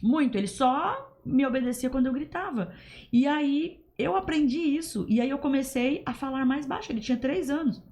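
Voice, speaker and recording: A woman's voice: high voice, normal speed, darkish tone. A woman talking earnestly as a podcast guest, explaining her points. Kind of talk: casual podcast chat.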